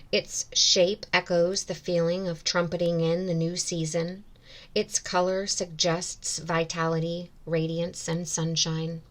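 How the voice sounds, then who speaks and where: A woman giving a spiritual oracle card reading in measured, deliberate phrases with pauses between them. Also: fairly low pitch. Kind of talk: slow, spiritual guided card reading, partly read out.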